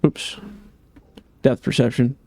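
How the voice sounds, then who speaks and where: A man giving casual gameplay commentary as a game modder, chatty and thinking aloud with many fillers, slightly hoarse. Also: takes it slowly, dark tone.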